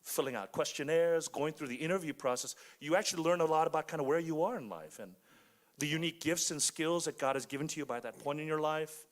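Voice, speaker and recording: A man's voice: on the high side, fast. A man on a conference panel reflecting on his own story, listing things in short phrases. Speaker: panel guest.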